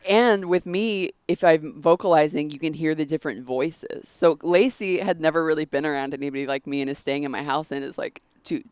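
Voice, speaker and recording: A woman co-hosting a podcast, chatting casually, animated and laughing often. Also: low voice, fairly quick, few pauses, smooth, no echo. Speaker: podcast co-host. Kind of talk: casual chat.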